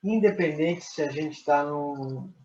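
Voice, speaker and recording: A man's voice: fairly high pitch, slow, darkish tone. Man participant, earnest and emphatic, roomy muffled audio with faint noise. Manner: teasing, then earnest and emphatic. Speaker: meeting participant. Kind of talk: casual group discussion.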